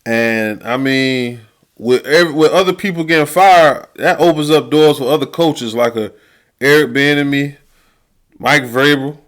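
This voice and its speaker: A man's voice: mid-range voice, unhurried, fairly bright tone. A man hosting a podcast, venting about football in a heated, profane, casual rant. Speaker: podcast host.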